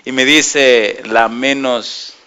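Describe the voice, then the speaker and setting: Male preacher, bright forceful voice, middle-aged, lively sermon full of told stories and crowd questions. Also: medium pitch, very slow, clean tone. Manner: lively preacher, asks the audience yes-or-no questions, acts out dialogue. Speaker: pastor. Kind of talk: sermon with anecdotes.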